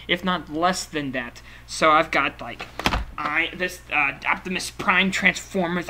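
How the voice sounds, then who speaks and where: A man's voice: fairly high pitch, bright, forceful tone, a little hiss or hum. A young man in his twenties chatting casually in a late-night vlog, rambling and laughing as he goes. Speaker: vlogger.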